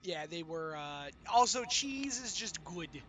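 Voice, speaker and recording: A man's voice: fairly high pitch, slow, faint music behind. A man hosting a livestream, chatting casually and animatedly with his viewers. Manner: animated, exclaiming when greeting viewers. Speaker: streamer host.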